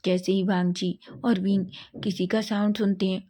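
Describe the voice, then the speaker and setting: A woman narrating a romantic fan fiction story in a steady, even reading. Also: mid-range voice, moderate pace.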